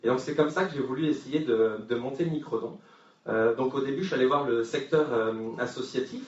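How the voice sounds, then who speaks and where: A man's voice: mid-range voice, a little fast. A man giving a talk at a forum, telling an anecdote with humor and many hesitations. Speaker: speaker at a forum. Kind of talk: conference talk. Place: conference hall with audience. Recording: far-off echoey hall, dull sound.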